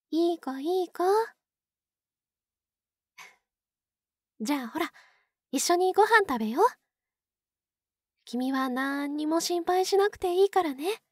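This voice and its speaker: A woman's voice: very high-pitched, no room sound, studio quality. A woman playing an obsessive, possessive yandere captor in a Japanese ASMR role-play, cooing and coaxing as if to a pet. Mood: soothing, possessive. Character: obsessive yandere older-sister type, sweetly possessive captor.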